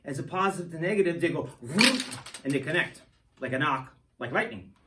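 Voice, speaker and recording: A man's voice: a little high, quick pace, far from the mic, very noisy. Playful man explaining science, off-mic. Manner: playful, jokey, rambling with restarts. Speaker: science show host. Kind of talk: goofy hands-on science demo for kids.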